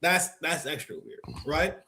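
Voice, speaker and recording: A man co-hosting a casual podcast, excitable and slangy, sometimes drawing words out. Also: fairly high pitch, unhurried, background noise. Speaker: co-host.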